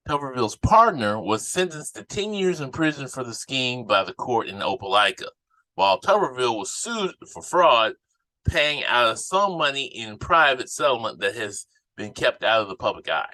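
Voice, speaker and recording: A man's voice: mid-range voice, sing-song, normal speed, pushed and bright, dry recording, poor audio. A man giving off-the-cuff political commentary as a podcast host, indignant and emphatic, often repeating phrases for emphasis.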